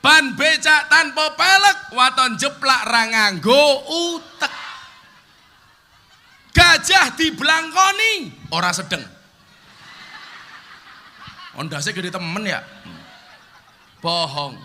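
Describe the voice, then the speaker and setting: A man's voice: very high-pitched, very animated, takes it slowly, long pauses, sharp tone. A man with a Javanese accent preaching a humorous sermon, joking and chanting spelling drills in a sing-song.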